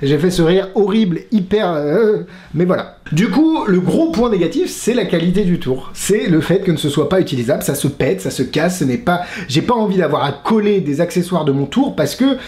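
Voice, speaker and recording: A man's voice: sits high, lively intonation, fairly quick, dark tone. A man reviewing a magic trick in casual spoken French, exasperated, swearing and laughing as he talks. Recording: roomy echo.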